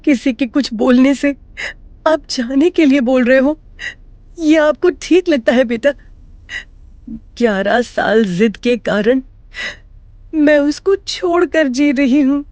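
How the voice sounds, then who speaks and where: A woman's voice: high voice, takes it slowly, pauses often, a little mellow, no room sound. An actress playing a lonely, emotional older grandmother who pleads with her family to stay. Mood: pleading. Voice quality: tearful, pleading.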